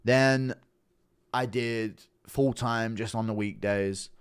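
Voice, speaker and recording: A man's voice: medium pitch, fairly even intonation, takes it slowly, clean tone. A man hosting a casual livestream, chatting to viewers with sweary, blunt banter and often breaking into giggling laughter. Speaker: livestream host.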